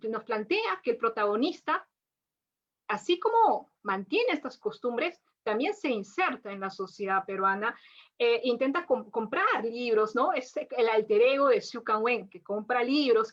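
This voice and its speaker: Brief: woman lecturer, high voice, muffled lo-fi recording, chatty restarts. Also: fairly bright tone. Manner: frequent tag questions and restarts. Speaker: lecturer on literature. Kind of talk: academic lecture. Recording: dull lo-fi audio.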